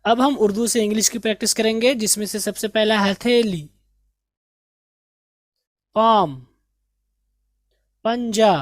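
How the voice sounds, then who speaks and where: A woman teaching English, slowly drilling each word and its meaning in a patient lesson. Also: on the high side, no room sound, clean studio sound. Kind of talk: slow vocabulary drill lesson.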